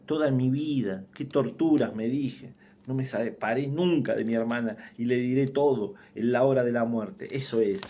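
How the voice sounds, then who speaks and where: A man's voice: medium pitch, lightly acted. A man with an Argentine accent voicing a dying woman who confesses to her sister in a faltering, urgent voice. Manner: faltering, hushed, urgent pleading.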